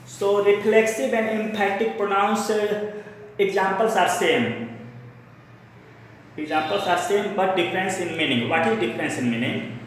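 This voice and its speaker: A man's voice: fairly high pitch, fairly bright tone. A man with an Indian English accent teaching grammar, often repeating terms and spelling words aloud. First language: Hindi. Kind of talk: classroom grammar lesson. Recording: echoey room with long reverb, faint noise.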